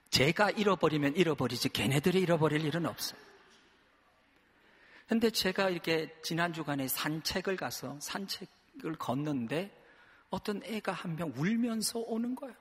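Pastor guy in his 50s, sermon storytelling, husky voice, big swings in pitch, long echo like a church hall. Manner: storytelling, acting out dialogue with lively swings.

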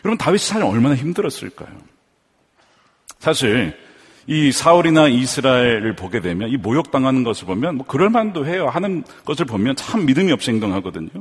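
A man preaching a sermon as a pastor, swinging between loud fervor and hushed storytelling. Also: medium pitch, sing-song, brisk, breathy edge. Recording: long church hall reverb.

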